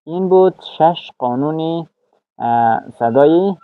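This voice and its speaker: A man teaching English vowel sounds, speaking slowly with many "uh" fillers and repeating each example word. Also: on the high side, animated, dry recording, narrow, tinny audio. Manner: slow, halting, with frequent "uh" fillers. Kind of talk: pronunciation lesson.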